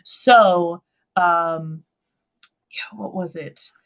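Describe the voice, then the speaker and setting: A woman's voice: lowish voice, drawn-out words, fairly bright tone. A woman hosting a casual book discussion, chatty and hesitant, with many fillers as she recalls chapters. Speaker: host.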